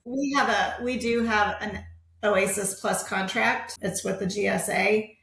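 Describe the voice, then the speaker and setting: Gravelly-voiced woman guest, roomy sound. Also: medium pitch, fairly even intonation, a little slow, fairly bright tone. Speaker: guest, federal contract specialist. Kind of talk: casual chat. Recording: roomy echo.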